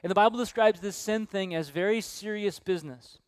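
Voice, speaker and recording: A man's voice: high-pitched, fairly quick, smooth. Guy preaching a sermon, earnest, clean dry sound no room echo. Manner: earnest preaching, storytelling with hushed quoted voices. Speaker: pastor. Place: church sanctuary.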